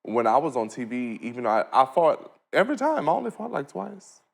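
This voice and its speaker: A man in his late twenties talks bluntly in a casual podcast conversation. He is animated and throws in jokes as he goes. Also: mid-range voice, brisk, gravelly. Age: 20s. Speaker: podcast guest. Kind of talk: casual chat.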